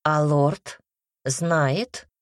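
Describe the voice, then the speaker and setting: A woman puts on a blunt, gruff housekeeper of a castle, middle-aged or older, set in her ways. She speaks lower and heavier than the narrator, with a scolding edge, in a storybook reading with a dry, close sound. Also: extremely slow, no echo. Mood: stern.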